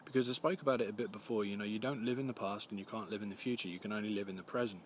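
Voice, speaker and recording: A man with a gruff, scratchy voice, hoarse from a cold, giving earnest, plain-spoken, encouraging advice to viewers in a casual vlog. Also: lowish voice, fairly even intonation, rapid-fire. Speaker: recovery video series host.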